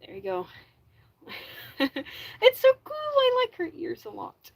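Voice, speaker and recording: Her voice is very high-pitched and creaky, swooping wildly in pitch, and she talks slowly. She is a Flemish-accented native Dutch speaker chatting casually on a livestream while making a fursuit, often saying "like" and restarting or correcting herself mid-sentence.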